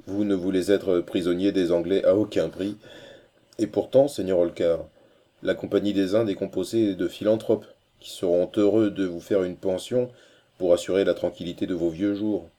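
A man voicing a bold, fearless sea captain who talks in a hearty, lively way in an audiobook reading. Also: low-pitched, normal speed, natural voice. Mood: wry.

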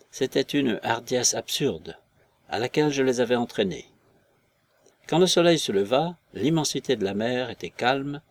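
A man narrating a literary story in a measured, scripted audiobook reading. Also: medium pitch, no echo.

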